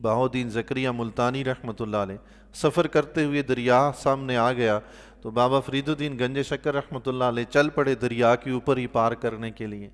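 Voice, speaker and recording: A man, a mosque imam giving Quran commentary, telling stories with animated bursts of loudness and soft, quiet asides. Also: medium pitch, big-room sound. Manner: animated storyteller, voice swelling loudly on emphatic points; drops to a soft, quiet tone for pious exclamations. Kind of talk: sermon-style Quran commentary with storytelling.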